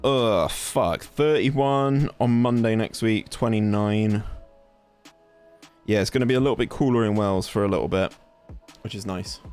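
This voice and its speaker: A man's voice: on the low side, moderate pace, a little mellow, clear, resonant tone, soft background music. A young man from England with a West Country accent, streaming casually as he plays a game, chatting and reacting aloud to his chat. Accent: West Country English. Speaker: gaming streamer. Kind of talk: casual live-stream commentary. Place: home room in summer heat, fan running.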